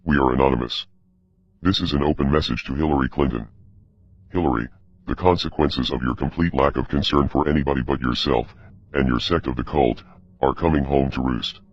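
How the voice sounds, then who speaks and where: A man reading a grave, accusatory scripted statement as an anonymous spokesperson, his voice disguised by a voice changer that drops it very deep. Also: steady tone, a little fast. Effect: voice changer lowering the pitch, disguised deep voice. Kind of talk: scripted statement read aloud. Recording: muffled lo-fi audio with music behind.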